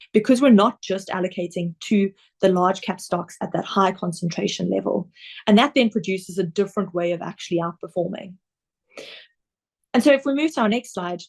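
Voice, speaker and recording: An investment director from South Africa takes listeners through a webinar presentation with slides. Her voice is mid-range with a darkish tone, and she speaks in a measured, explanatory manner with a few ums.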